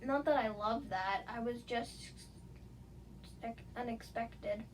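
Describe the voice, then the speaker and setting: Woman reading fan fiction, higher voice. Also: slow pace, slight background noise, poor audio. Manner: casual reading with small slips. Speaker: narrator.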